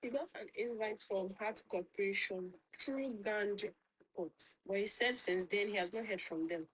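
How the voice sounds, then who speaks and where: A woman's voice: medium pitch, bright, forceful tone, breathy edge, rough recording. A woman, a guest on a live chat, answering bluntly with dry jokes. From South Africa. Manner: blunt, joking quick replies. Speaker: guest caller.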